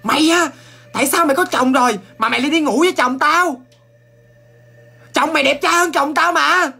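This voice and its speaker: A woman's voice: high voice, fairly quick, gravelly, bright, forceful tone, voice pushed up, exaggerated voice. Man putting on a shrieking furious village wife. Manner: shrieking, scolding. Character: furious jealous village wife, shrill and accusing.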